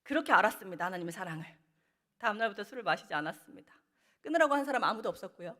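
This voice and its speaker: A woman's voice: medium pitch, animated, very fast, bright, forceful tone. A middle-aged woman speaking as a guest at a church prayer meeting, telling a personal testimony and acting out her past words, laughing and tearful. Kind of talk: testimony talk. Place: church sanctuary.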